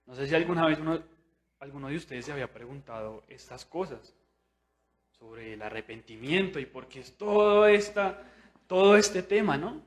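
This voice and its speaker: A young man preaching a sermon in a church, chatty and animated, asking his listeners questions and acting out what people think. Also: fairly high pitch, moderate pace. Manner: conversational, with tag questions; animated, acts out inner voices.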